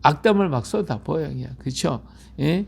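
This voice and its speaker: Male pastor, middle-aged, rough gravelly voice, slightly high, emphatic repetitive sermon delivery. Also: expressive, normal speed, a little hiss or hum. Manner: emphatic, repetitive, asks listeners for agreement. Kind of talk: Bible-reading sermon.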